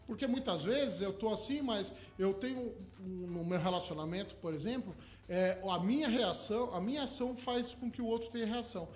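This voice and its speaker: A man's voice: high voice, fairly quick, few pauses, darkish tone. A man, a hypnotherapist guest in a radio studio, eagerly explaining his ideas with everyday examples. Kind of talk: radio interview.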